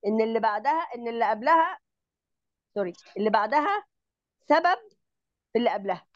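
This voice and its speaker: Egyptian woman teaching grammar, slightly raised pitch. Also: animated, quick pace, no room sound, dull audio. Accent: Egyptian Arabic. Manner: explains step by step, checks understanding often. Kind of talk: online tutoring lesson.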